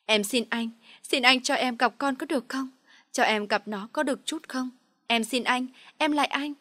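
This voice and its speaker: A desperate young mother pleads through tears, her voice pushed higher and louder than the narration, as a woman reads her. The sound is close and dry, with no room around it. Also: steady tone, normal speed, no echo. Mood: pleading. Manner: begging, sobbing pleas.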